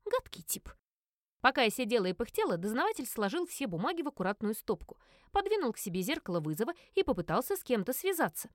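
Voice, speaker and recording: A woman narrating an audiobook in the first person, wry and expressive. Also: fairly high pitch, fast talker, no room sound, studio quality.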